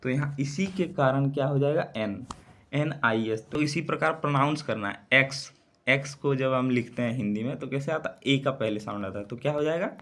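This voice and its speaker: A man teaching an English grammar lesson in for exam preparation. He asks his students questions and answers them himself, and spells out letters and words slowly. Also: medium pitch, fairly bright tone.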